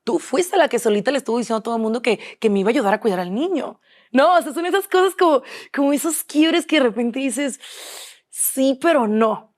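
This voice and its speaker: A woman's voice: sits high, expressive, brisk, a little mellow. A young woman with a Mexican accent, a guest in an interview, talking candidly and quoting herself and others often. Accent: Mexican Spanish.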